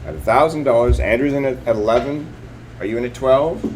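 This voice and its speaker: A man's voice: mid-range voice, a little fast, a little mellow, a little hiss or hum. A man working as a live auctioneer, calling bids and increments in repetitive, clipped patter.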